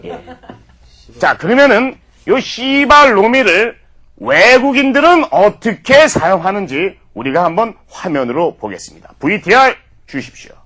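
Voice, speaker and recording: A man's voice: high-pitched, very animated, normal speed, pushed and bright. A man giving a mock-formal comedy lecture, peppered with profanity.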